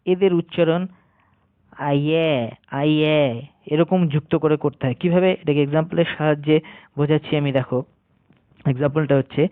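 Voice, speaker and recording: A man teaching English pronunciation, spelling words out letter by letter and repeating each rule slowly and deliberately. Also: fairly high pitch, no echo. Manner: slow, deliberate, repeats rules for emphasis. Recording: dry, tinny phone-like sound.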